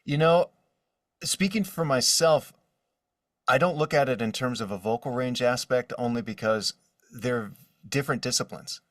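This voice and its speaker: Indoors, with drawings at his back, a man speaks at normal speed as an interview guest, casually describing his working life in voice acting. His medium-pitched voice is a bit bright. A distant mic gives the studio-quality audio a roomy character.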